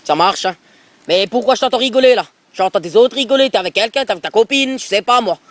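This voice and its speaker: A man speaks fast in a high voice close to an everyday sound, with no echo, while playing a middle-aged football coach with an Alsatian accent for a prank call. Pushy and rambling, he repeats filler tags into a phone held close to his mouth.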